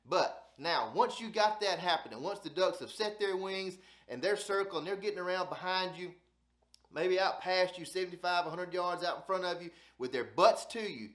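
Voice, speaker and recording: A man's voice: high-pitched, normal speed, fairly bright tone, roomy sound. A man with a Southern Alabama accent gives a casual, folksy instructional talk, repeating phrases for emphasis as he hosts. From South Alabama, United States. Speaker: host of a duck hunting channel.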